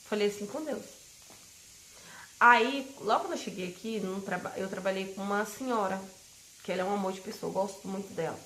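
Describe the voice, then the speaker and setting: A woman's voice: mid-range voice, brisk, a bit bright. A woman with a Brazilian Portuguese accent telling viewers a personal faith story in an emphatic way, speaking to them directly. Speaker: family vlogger. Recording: roomy echo, faint ambience.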